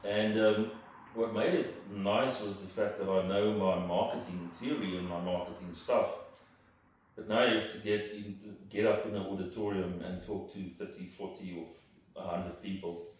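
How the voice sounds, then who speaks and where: An entrepreneur being interviewed, a man whose first language is Afrikaans, gives reflective answers in a deep, steady voice. He sounds thoughtful but halting, with fillers and restarts. The mic is distant in an echoey, roomy space with audible room noise.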